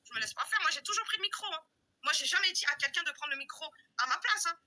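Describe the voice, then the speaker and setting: A woman hosting a live stream, ranting loudly and confrontationally, hurling insults and repeating herself for emphasis. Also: high-pitched, lively intonation, fast talker, rough recording. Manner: loud-mouthed, insulting, confrontational; repetitive, emphatic, addresses viewers directly. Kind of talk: heated live-stream rant.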